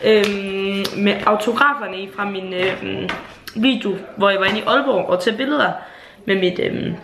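A woman's voice: mid-range voice, fairly even intonation, gravelly, reverberant, background noise. A young woman in her late teens from Jutland, chatting casually in a home vlog in a bubbly, gushing way, with swearing and fillers. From Jutland, Denmark. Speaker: YouTuber. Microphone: handheld camera.

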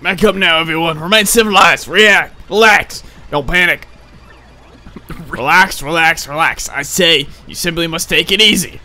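A man voicing rough, weary pirate sailors from a video game, with a grumbling, exasperated manner. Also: a little high, measured pace, bright, forceful tone, voice pushed up. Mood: alarmed.

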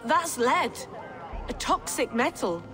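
A grieving, troubled woman in a Viking game. She speaks high, slow and haltingly in a reverberant hall. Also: very animated, a bit bright, faint music behind, heavily acted. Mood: dawning horror. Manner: halting, distressed. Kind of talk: dramatic video game acting. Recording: reverberant hall, slightly distant.

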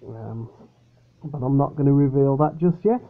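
A man's voice: mid-range voice, moderate pace, gravelly. A man casually reviewing a drink from his upstairs bedroom, rambling and hesitant. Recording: tinny, phone-like sound.

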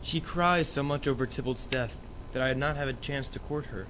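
A man playing a complacent young nobleman who calmly accepts an arranged marriage. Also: medium pitch, fairly quick, slight background noise, close to an everyday voice.

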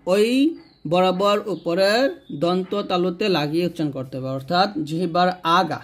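A man teaching Quran pronunciation, slowly drilling each syllable. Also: sits high, fairly even intonation. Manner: slow drilled syllable repetitions. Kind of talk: step-by-step pronunciation lesson.

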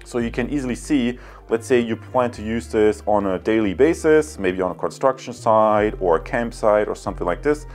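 A tech reviewer unboxes and reviews a gadget indoors, in a room with a wooden table, with faint music playing behind him. His voice is on the low side and darkish, at normal speed. He's chatty, calls viewers "guys," and fills his speech with fillers.

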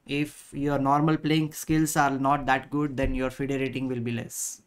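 A man in his thirties with an Indian accent, chatting casually as a chess instructor on a live stream, halting and repeating his phrases. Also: medium pitch, little pitch movement.

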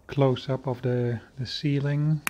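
A man narrating his own cave footage in an unscripted voice-over, slow and halting with many fillers and restarts. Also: mid-range voice, little pitch movement, dull audio, background noise. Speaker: video creator exploring a cave.

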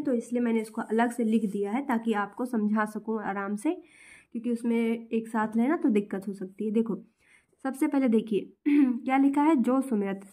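A woman gives a classroom-style lesson in a mellow, warm voice pitched a little high. She works through the material step by step, posing questions and answering them herself.

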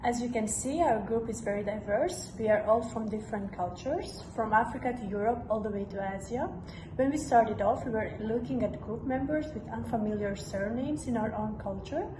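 A woman's voice: a little high, normal speed. A young woman giving a rehearsed class presentation, filmed in a classroom by a camera some distance away. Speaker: student presenter. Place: classroom with whiteboard. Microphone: far camera. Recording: echoey room, background noise.

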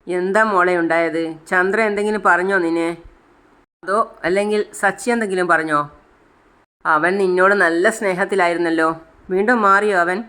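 A narrator voicing an anxious older mother, asking worried questions in a smooth voice. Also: mid-range voice, fairly even intonation, normal speed, pushed and bright, lightly acted.

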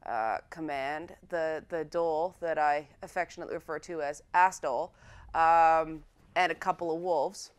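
In casual let's-play commentary, a young woman with a deep, clean-toned voice chats playfully as she plays a video game. She keeps urging her pets on.

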